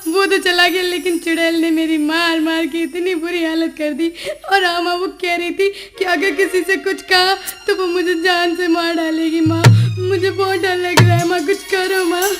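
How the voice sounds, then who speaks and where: Nasty scheming young sister-in-law, super high, snarly threats. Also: female voice, level tone, normal speed, few pauses, a bit bright, soft background music. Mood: fake tearful. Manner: snarling threats, fake tearful whining. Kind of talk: rural Hindi film acting.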